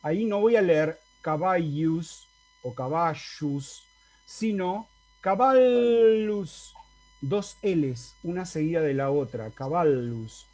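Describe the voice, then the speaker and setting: A man's voice: on the high side, takes it slowly, a little mellow. A man with an Argentine accent teaching a university Latin class over a video call, explaining step by step and often checking in with his students. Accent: Argentine Spanish. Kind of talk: university lecture.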